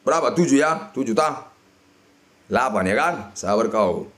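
A man, shouting and muttering over a slot game as he streams it. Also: medium pitch, lively intonation, moderate pace. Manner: shouting and chanting at the reels, swinging between yelling and mutters. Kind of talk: excited live slot-game commentary.

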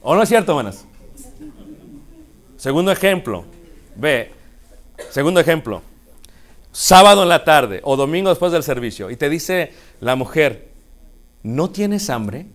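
Male preacher, high voice, playful storytelling sermon. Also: moderate pace, long pauses. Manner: animated, acts out couples' dialogue with humor.

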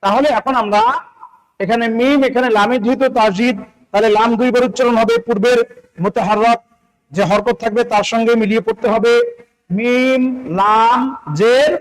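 A man's voice: very high-pitched, fairly even intonation, fairly quick, clear, resonant tone, low-quality recording. A man from Bangladesh teaching Quran recitation step by step, patiently repeating syllables, asking questions and chanting the words drawn out. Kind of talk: spelling-out recitation lesson.

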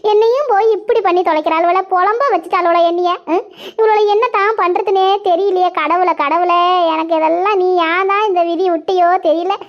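A woman's voice: very high voice, brisk. A woman voicing a married village woman who wails and laments about her in-laws, in a cartoon. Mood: lamenting. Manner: wailing, lamenting, sing-song complaint. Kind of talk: cartoon voice acting. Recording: muffled lo-fi recording.

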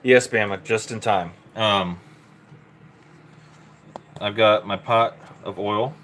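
A man's voice: fairly low pitch, slow pace, a bit bright, slight background noise, rough recording. Man casually walking viewers through home cooking. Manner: casual, step-by-step, talking to viewers while cooking. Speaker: home cooking channel host. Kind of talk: live cooking demonstration. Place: home kitchen, indoors. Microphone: handheld camera mic, moved around the stove.

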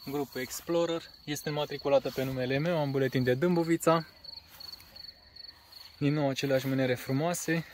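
A man's voice: a little high, slight background noise. A Romanian man casually showing his caravan outdoors, talking plainly with a few fillers while filming on a phone. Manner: plain, matter-of-fact, pauses with fillers. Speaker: caravan seller. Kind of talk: casual walkaround presentation. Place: outdoors on a grassy lot beside a caravan. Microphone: phone camera held by the speaker.

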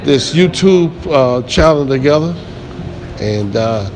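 A man speaking hesitantly with many pauses and fillers while chatting with a friend in a coffee shop at night. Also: mid-range voice, animated, crowd noise. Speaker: friend of the host. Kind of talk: casual conversation. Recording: echoey, very noisy café.

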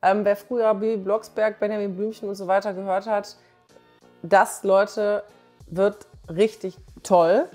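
This woman in her forties, a doctor and author, chats to camera about her comic from a sofa in a small living room, colloquial, emphatic and full of enthusiasm. Her mid-range voice is warm and unhurried, without much pitch movement. Soft music plays behind, and she wears a clip-on lapel mic.

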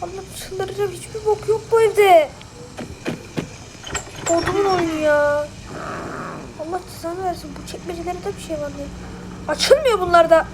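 A woman's voice: very high voice, normal speed, pauses often, noisy background. A woman giving let's play gameplay commentary, muttering to herself in frustration and swearing often. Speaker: gamer.

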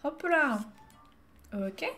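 A woman's voice: sits high, lively intonation, drawn-out words, fairly bright tone, faint music behind. A young woman streaming a game live, chatting casually, laughing and thanking her viewers. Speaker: Twitch streamer. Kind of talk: casual live gameplay chat.

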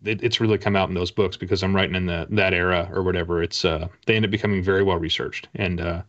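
On a video call from an indoor room with bookshelves, a middle-aged guest author talks fast and casually, enthusiastically rambling through his stories. He has a deep, fairly bright voice with fairly even intonation, and the audio sounds slightly dull.

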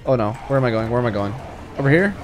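A man's voice: medium pitch, expressive, racing, soft background music. A young man commentating as he plays a video game, rambling to himself and exclaiming in jittery bursts. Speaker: gamer. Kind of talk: let's play commentary.

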